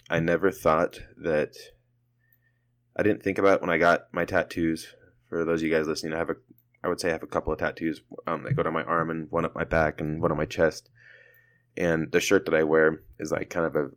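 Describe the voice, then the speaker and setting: Low-voiced young man telling stories. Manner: laid-back storytelling with crude jokes. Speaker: podcast co-host. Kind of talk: casual podcast chat.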